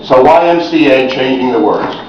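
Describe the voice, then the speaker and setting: A man's voice: medium pitch, moderate pace, slight background noise. A middle-aged man performing chatty stand-up comedy for a crowd, talking to the audience and cracking jokes. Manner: chatty, jokey, addresses the crowd. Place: senior center hall. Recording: echoey hall, distant and dull.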